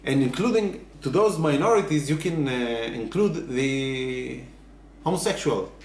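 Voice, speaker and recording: Halting man in an echoey room. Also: mid-range voice, expressive, darkish tone, a little hiss or hum. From Israel. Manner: earnest, halting, with many fillers. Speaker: interviewee. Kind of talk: casual interview answers.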